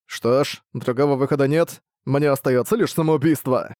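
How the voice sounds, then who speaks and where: A man's voice: medium pitch, moderate pace, a little mellow, no echo, studio quality, natural voice. A man voicing a wary young adventurer hero in an audiobook, wry and muttering his thoughts. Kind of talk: audiobook reading.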